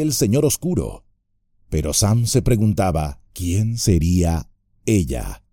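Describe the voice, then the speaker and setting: A man narrating an epic fantasy audiobook in a measured, expressive storytelling manner. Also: lowish voice, dry recording, clean studio sound.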